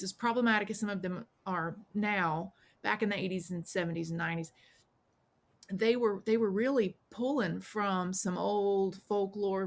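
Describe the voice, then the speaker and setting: Woman, forties, podcast guest, lively storyteller who acts out quoted voices. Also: mid-range voice. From South Carolina, US. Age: 40s. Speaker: podcast guest, witch and priestess. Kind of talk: casual storytelling interview.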